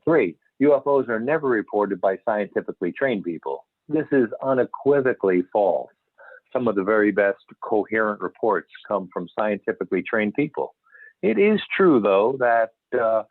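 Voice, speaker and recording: In an amateur script reading, a man with a lowish voice plays an earnest, assured male expert scientist investigating UFO reports, explaining emphatically though he stumbles haltingly at times. The audio is tinny and phone-like, as on a conference call, in an echoey room.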